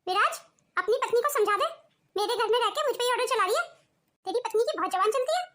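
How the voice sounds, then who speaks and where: A woman's voice: very high-pitched, animated, quick pace, pushed and bright, full character voice. A woman voicing an elderly mother-in-law in a cartoon family story, scolding and pleading by turns. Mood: angry. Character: proud elderly mother-in-law, later remorseful. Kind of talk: cartoon voice acting.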